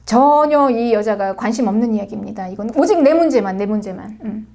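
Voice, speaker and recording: A middle-aged woman pastor preaching a sermon with a Seoul accent, dramatic, swinging between soft murmurs and raised cries. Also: mid-range voice, lively intonation, fairly quick, creaky. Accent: Seoul Korean. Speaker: senior pastor.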